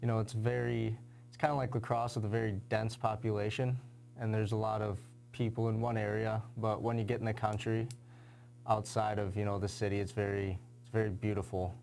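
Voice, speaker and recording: A young man, a high school athlete, answering interview questions casually with lots of fillers. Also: level tone, fairly quick, vocal fry, a little mellow, faint music behind. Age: young adult. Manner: casual, lots of "you know" and "kinda".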